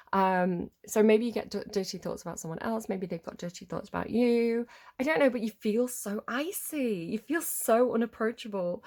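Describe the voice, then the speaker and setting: A woman's voice: on the high side, a little mellow. A woman giving a casual, chatty tarot reading in a rambling, informal way, her voice slightly muffled by a head cold. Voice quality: slightly muffled, congested nose. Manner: rambling, informal, often checks with "right?". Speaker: tarot card reader.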